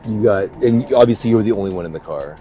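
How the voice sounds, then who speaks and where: A male police officer questioning casually in a low-key, tentative way, often repeating his first words. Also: quick pace, warm tone. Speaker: police officer investigating a crash. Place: outdoors at a roadside. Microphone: police body camera. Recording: noisy roadside bodycam with vehicle sounds. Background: traffic and outdoor ambience.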